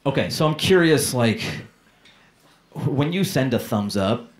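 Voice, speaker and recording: A man in his thirties doing a stand-up comedy set on a club stage with a handheld mic, animated and working the crowd. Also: mid-range voice, a little slow. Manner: animated, crowd work, acts out voices. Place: comedy club stage before a laughing audience. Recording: live club recording with loud crowd laughter.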